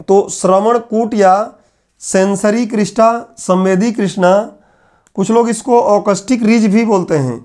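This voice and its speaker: High-voiced man dictating a lecture. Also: darkish tone. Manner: repeats key phrases slowly for dictation. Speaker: exam coaching teacher. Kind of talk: classroom lecture. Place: classroom with whiteboard.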